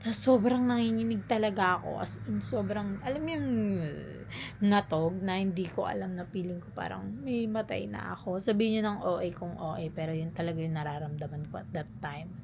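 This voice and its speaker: A young woman vlogger telling a story casually, chatty and animated, mixing in English phrases. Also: mid-range voice, a little fast, vocal fry, noisy background.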